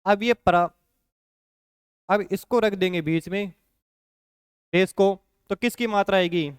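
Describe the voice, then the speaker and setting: A man's voice: high-pitched, a little slow, smooth, no room sound, clean studio sound. A man teaching a shorthand lesson, explaining patiently and often checking in with his students. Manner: patient, repeats points with frequent "ठीक है" check-ins.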